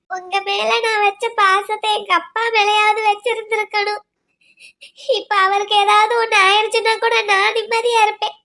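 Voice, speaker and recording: A heartbroken young student girl from a cartoon love story, voiced by a woman, pleading through tears. Her voice sits very high and hardly rises or falls, and she keeps turning the blame on herself. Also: vocal fry, bright, forceful tone, full character voice. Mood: sobbing regret. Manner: tearful, self-blaming pleading. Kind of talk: cartoon voice acting.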